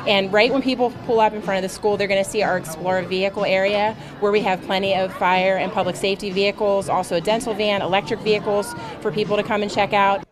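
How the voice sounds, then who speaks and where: A woman's voice: medium pitch, steady tone, fast, few pauses. A woman in her thirties, a school coordinator, answering in an on-camera news interview in a busy hall. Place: large busy indoor hall. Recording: clear background hubbub.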